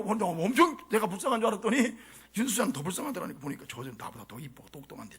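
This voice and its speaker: A man preaching a sermon as a pastor, with a dramatic delivery that swings from shouts to hushed whispers, in a church sanctuary. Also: a little high, gravelly, breathy edge.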